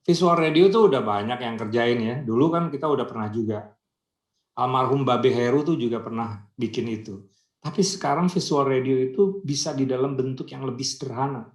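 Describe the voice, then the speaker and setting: A man with a medium-pitched voice talks fairly quickly in an echoey room. He's a guest on a radio-industry video call, chatty in a casual discussion and explaining through anecdotes and rhetorical questions.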